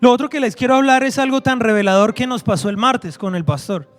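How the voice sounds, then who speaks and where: A man's voice: very high-pitched, brisk, faint music behind. A man preaching a sermon to his church, emphatic and repetitive, acting out quoted voices. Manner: emphatic, repeats phrases, acts out quoted voices.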